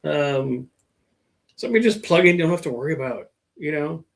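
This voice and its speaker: Fairly quick and gravelly, a middle-aged man with a fairly high, lively voice streams live about his car work. He rambles along, using lots of fillers, joking at his own expense, and reading viewer comments aloud.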